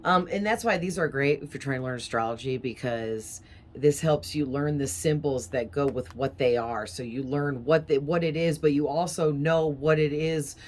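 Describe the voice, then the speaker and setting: Low-voiced woman rambling through a tarot reading. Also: moderate pace, slight background noise. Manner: rambling, chatty, with fillers and soft laughs. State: sinus infection, heavy breathing. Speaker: tarot reader.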